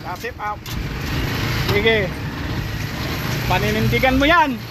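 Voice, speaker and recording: A man's voice: sits high, expressive, slow pace, heavy background noise. A man vlogging outdoors in the countryside, chatting casually and joking, laughing often.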